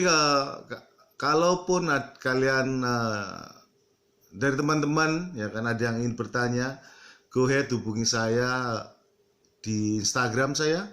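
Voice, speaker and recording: A middle-aged man from East Java talking casually to his viewers, halting often with fillers and slipping into English. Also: mid-range voice, a bit bright. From East Java, Indonesia. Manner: halting, many fillers, mixes English into Indonesian. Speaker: vlogger. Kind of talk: casual talk to camera.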